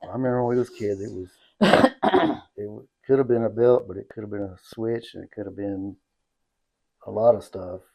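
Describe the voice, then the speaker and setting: A man's voice: on the low side, fairly even intonation, a little fast, creaky, long pauses, warm tone, low-quality recording. A man talks with his mother in an easygoing way, remembering childhood stories during a casual family chat. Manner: easygoing, reminiscing. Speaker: interviewer, son.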